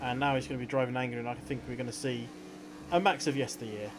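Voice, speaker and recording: A man's voice: medium pitch, flat delivery, quick pace, noisy background. A man working as a motorsport commentator, giving conversational analysis of the race. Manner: motorsport commentator explaining incidents and strategy.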